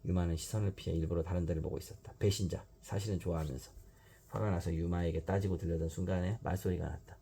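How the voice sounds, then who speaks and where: A father reading a children's storybook aloud at bedtime, in a steady narrating voice. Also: low voice, fast talker, creaky, slight background noise.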